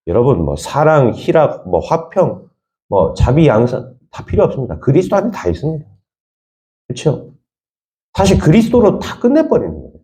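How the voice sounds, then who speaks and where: A pastor from Korea's Jeolla region preaches a sermon in a slightly high, warm voice. He leans on emphatic repetition and asks the congregation rhetorical questions.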